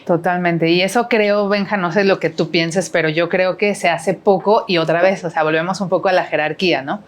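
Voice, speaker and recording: Her voice is low, fairly quick and fairly even in intonation: a middle-aged woman with a Mexican Spanish accent guesting on a podcast. She chats in a casual interview, wandering through her points with many fillers and tag questions.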